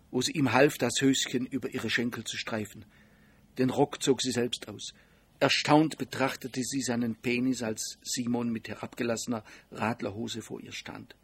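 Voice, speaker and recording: A man narrating an audiobook in a steady, even storytelling manner. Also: mid-range voice, slightly rough.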